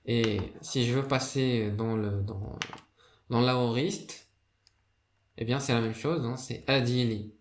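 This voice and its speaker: Man, mid pitch, casual explainer, lots of fillers and restarts, echoey room. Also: slow, long pauses. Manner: hesitant, many fillers and restarts. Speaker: video creator explaining a writing system. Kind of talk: casual spoken lesson. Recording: roomy echo.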